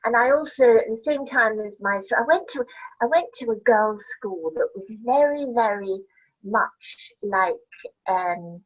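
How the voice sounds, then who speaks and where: A woman's voice: on the high side, animated, measured pace. Chatty older Scottish-born woman, dull sound. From Scotland. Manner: chatty, laughing, rambling anecdotes. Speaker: interview guest, actress. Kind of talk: casual chat.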